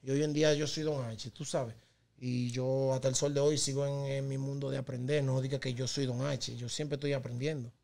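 A man's voice: mid-range voice, a little fast, gravelly. A man with a Dominican Spanish accent, telling stories as a guest in a casual podcast chat. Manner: storytelling, animated when laughing with the hosts. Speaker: guest rapper.

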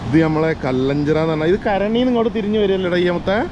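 An excitable man vlogs a casual fishing trip outdoors at a dam, mixing Malayalam with casual English words, exclaiming and chatting with bystanders. His voice is high, and the lo-fi recording is noisy with rushing water.

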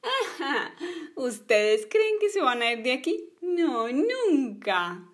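A woman's voice: high-pitched, sing-song, slow pace, heavily acted. A woman voicing a gloating villainous doll woman in a toy play story, mocking and cackling.

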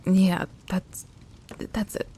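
Here a woman plays a tomboyish, tsundere best friend in a close-up audio roleplay, defensive and flustered yet secretly fond. She speaks slowly in a soft, breathy tone that slips into whispers but stays close to an everyday voice.

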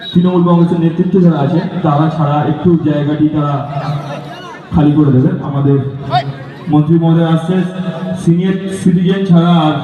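Man over an echoing festival loudspeaker. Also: fairly high pitch, fairly even intonation, brisk, pauses often, phone-quality sound. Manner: repetitive crowd-directing requests. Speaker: stage announcer at a public event. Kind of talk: public loudspeaker announcement. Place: outdoor event stage. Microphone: public address microphone, heard from afar. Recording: echoing festival loudspeaker, distant, thin, crowd around.

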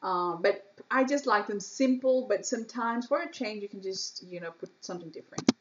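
A woman's voice: medium pitch, brisk, noisy background. Kenyan woman, effusive food guide, slightly muffled. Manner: effusive, explanatory. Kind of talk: casual vlog commentary.

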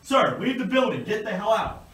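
A man's voice: high voice, very animated, normal speed, a bit bright. Young man as a barking drill sergeant, echoey room. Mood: stern, barking. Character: stern, bossy boot camp drill sergeant, mocking recruits. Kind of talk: amateur comedy skit acting. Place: school classrooms, restroom and stairwell. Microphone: far camera. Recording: echoey room, distant camera mic, faint noise.

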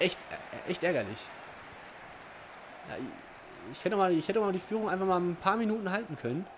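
A man commentating his own football video game match, excitable, swinging from low muttering to shouting. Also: moderate pace, background noise. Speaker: gaming commentator. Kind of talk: live Let's Play commentary.

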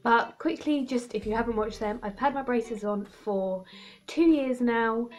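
A woman in her late teens chatting excitedly to camera, speaking with braces on, rambling a little. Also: a little high, measured pace. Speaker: vlogger. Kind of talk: casual chat to camera.

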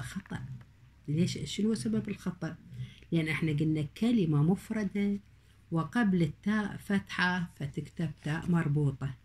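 Teacher, woman, lowish voice, patient repetition of examples. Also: darkish tone. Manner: slow, deliberate, repeats example words. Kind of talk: recorded online grammar lesson.

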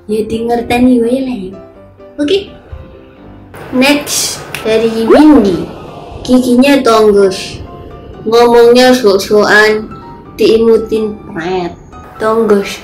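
Slow cutesy Javanese-accented young woman. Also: a little high, a little mellow. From Central Java, Indonesia. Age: 20s. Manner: cutesy, chatty, defensive. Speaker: vlogger. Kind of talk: casual chat reading comments. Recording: echoey room, faint music behind.

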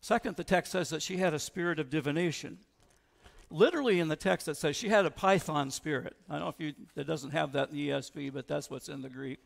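Male pastor, sermon, conversational, high and gravelly, long church echo. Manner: conversational, asks the congregation questions. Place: church sanctuary.

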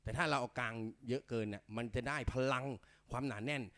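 A man teaching a casual bass lesson, talking loosely and counting beats aloud between the bits he plays. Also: quick pace. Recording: loud bass playing behind. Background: bass guitar.

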